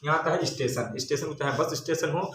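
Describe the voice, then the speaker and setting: A man teaching English vocabulary as a classroom lesson. He spells each word letter by letter, then repeats its meaning with a steady "ok". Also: on the high side, a little fast. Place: large classroom. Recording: echoey room, faint background noise.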